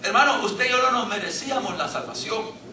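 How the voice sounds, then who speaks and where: A man's voice: high voice, a little fast, pushed and bright, slight background noise. A man preaching a fervent sermon to his congregation, calling them brothers, with a Latin American Spanish accent. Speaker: pastor. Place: church sanctuary. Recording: echoey church room, mic at a distance.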